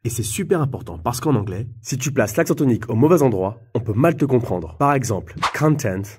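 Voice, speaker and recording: A young man presenting quick English pronunciation tips in a friendly, direct way, speaking straight to the learner. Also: medium pitch, lively intonation, a little mellow, breathy edge. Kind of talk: upbeat educational explainer addressing the viewer.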